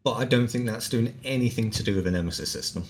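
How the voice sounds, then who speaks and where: A man's voice: mid-range voice, fast talker. A man co-hosting a podcast, casually retelling stories with plenty of ums. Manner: relaxed storyteller, uses lots of fillers. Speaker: podcast co-host. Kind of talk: casual chat.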